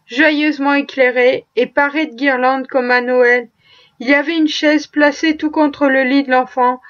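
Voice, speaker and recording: A woman tells a classic tale in measured, expressive narration. Her voice sits high. The audiobook recording sounds dull and lo-fi.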